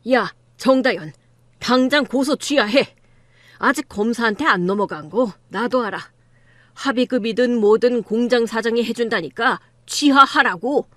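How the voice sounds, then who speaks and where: A woman's voice: a little high, normal speed, a bit bright, no room sound, close to an everyday voice. A woman voicing an arrogant, crude middle-aged man who runs a law firm, in an audiobook drama reading, talking in a sneering, bullying way.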